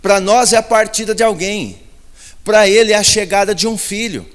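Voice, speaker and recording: Man, Brazilian Portuguese accent, emphatic sermon, fairly high voice, long reverb. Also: moderate pace, a bit bright. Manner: repetitive, emphatic preaching with rhetorical questions. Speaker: pastor.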